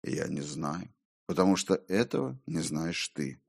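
A man voicing a ghostly male double, a conscience that speaks low, hushed, calm and taunting, in an audiobook. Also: measured pace, vocal fry, breathy edge, heavily acted. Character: eerie whispering male double, his conscience. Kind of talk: audiobook character voice.

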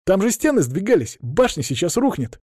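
A man's voice: high voice, very animated, brisk, a little mellow, breathy edge, no room sound, clean studio sound, pitched above the performer's own voice, exaggerated voice. A man reading an audiobook voices an indignant, bold young male student who demands answers. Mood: alarmed.

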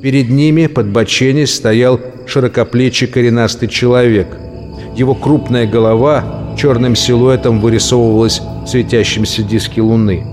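Man narrating a story over music. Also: mid-range voice. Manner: measured, expressive reading. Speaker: audiobook narrator. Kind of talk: scripted narration. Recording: long reverb with music and crickets.

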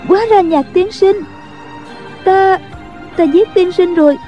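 A timid young nun from a martial-arts audiobook, played by a woman narrator. Her voice is high and trembling, and she sounds gentle and anxious. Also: fairly even intonation, fast talker, dull audio, faint music behind.

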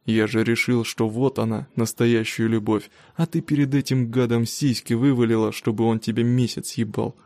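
Abusive young husband in an audiobook, loud and slow, mellow voice, read by a man. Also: mid-range voice, fairly even intonation, no echo, close to an everyday voice. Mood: furious. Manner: loud and accusing, slow emphatic delivery. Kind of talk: audiobook reading.

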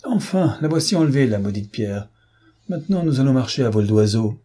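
A man voicing a sly, rough young coach driver who swears loudly and talks like a country man. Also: medium pitch, expressive, normal speed. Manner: cursing loudly, rustic speech.

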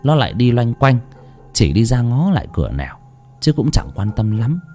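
A man's voice: mid-range voice, sing-song, normal speed, a little mellow, faint music behind. A man narrating a horror story dramatically.

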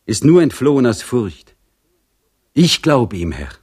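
A man's voice: mid-range voice, sing-song, unhurried, a little mellow, breathy edge, pitched above the performer's own voice. A man voicing an old serf woman, a grieving mother pleading with force and conviction for her son. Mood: impassioned. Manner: pleading, insistent, impassioned.

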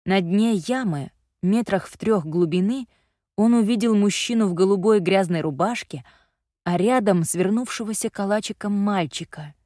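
A woman reading a story aloud as narrator in a measured, even storytelling manner. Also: mid-range voice, no echo, clean studio sound. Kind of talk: scripted audiobook narration.

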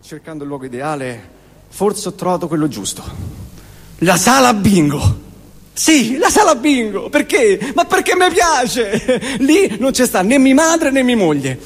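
Performing a comic monologue on stage, a man from Rome in his forties uses repetition and pointed pauses, his fairly high, slightly rough voice swinging widely in pitch. His lines echo with the long reverb of a live hall.

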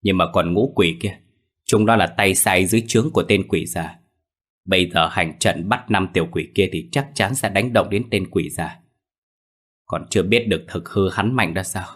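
A man voicing a stern, weary old male exorcist master who talks in gruff, commanding village speech. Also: deep voice, normal speed, fairly bright tone.

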